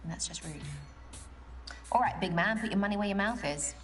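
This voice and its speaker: A woman's voice: medium pitch, fairly quick, over music, natural voice. A woman playing a playful, flirty date. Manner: playful, teasing. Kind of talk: live-action dating game scene.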